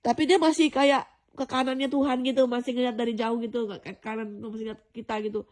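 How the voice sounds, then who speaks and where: Speaking quickly in a slightly high voice with a flat delivery, a woman addresses viewers casually about a dream. She rambles and repeats herself, stumbling through fillers and restarts as she gives her testimony.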